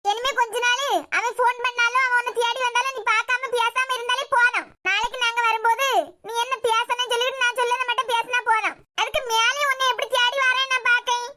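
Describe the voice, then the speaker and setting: A woman's voice: very high voice, level tone, fast, sharp tone, slight background noise. A woman with a Kanyakumari Tamil accent voicing a harsh, scheming mother in a cartoon, lecturing coldly.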